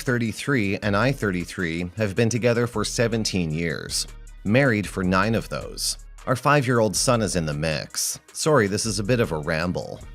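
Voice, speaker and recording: A man reading first-person relationship stories aloud as a narrator, in a scripted style. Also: fairly low pitch.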